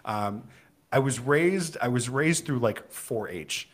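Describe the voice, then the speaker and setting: A man's voice: mid-range voice, animated, takes it slowly. A man from New Hampshire, a guest on a live podcast, playful and jokey, rambling as he tells stories. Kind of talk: casual interview chat.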